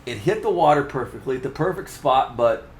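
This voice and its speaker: A man's voice: mid-range voice, animated, brisk, a little hiss or hum. A man, a fishing magazine editor, chatting casually and telling joking stories about fish. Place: fishing trade show.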